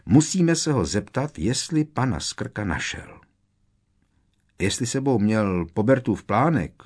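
A man's voice: mid-range voice, expressive, darkish tone, breathy edge. A man reading aloud, voicing a worried teenage boy wizard who speaks urgently and with emphasis.

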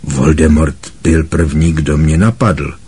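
A man's voice: fairly low pitch, lively intonation, darkish tone, breathy edge. A man voicing an anxious, earnest teenage boy wizard pupil who speaks hesitantly.

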